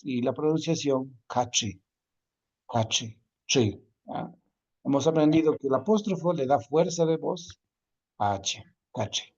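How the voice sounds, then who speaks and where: A man's voice: on the high side, mellow, dull audio. A man teaching a language class, repeating each word patiently and checking in often with his students. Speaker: Quechua teacher. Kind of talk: online class lesson.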